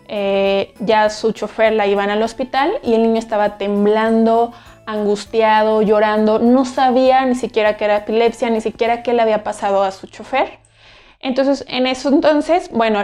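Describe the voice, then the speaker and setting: A woman psychologist giving an explanatory talk to parents, often checking in with a quick "right?". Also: on the high side, a little mellow. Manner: explanatory, asks frequent "¿sí?" checks. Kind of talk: educational talk to camera.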